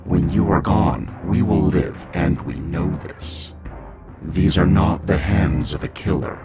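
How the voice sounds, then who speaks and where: A man voicing a cold, gravelly immortal starship pilot. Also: a bass voice, animated, exaggerated voice. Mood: menacing. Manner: slow, hushed, half-whispered menace. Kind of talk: audiobook character reading. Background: loud music.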